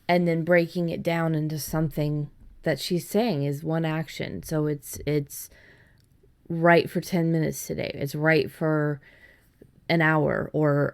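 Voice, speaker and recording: Speaking in a low, smooth, darkish voice, a female podcast host talks through topics in a relaxed, informal discussion style.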